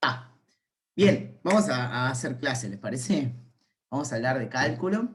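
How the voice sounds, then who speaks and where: A man's voice: mid-range voice, expressive, measured pace. A man, a university calculus lecturer giving an informal online class, playful and rambling as he thinks aloud.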